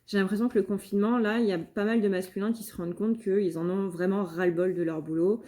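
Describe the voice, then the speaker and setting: A woman's voice: mid-range voice, fairly even intonation, fast talker, warm tone. A woman giving a casual channeled tarot reading, hesitant, with many fillers and restarts. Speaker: tarot reader and medium.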